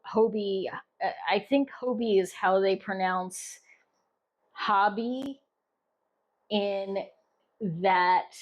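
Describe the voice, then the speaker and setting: A middle-aged woman from the United States chatting casually on her crochet vlog, rambling with restarts and fillers. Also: medium pitch. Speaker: crochet vlogger. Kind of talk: casual chat.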